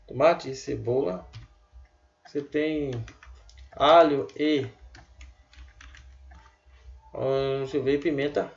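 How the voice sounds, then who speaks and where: A man giving a casual online language lesson, chatty and repeating words slowly for his students. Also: a little high, darkish tone, highs cut off. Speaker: language teacher.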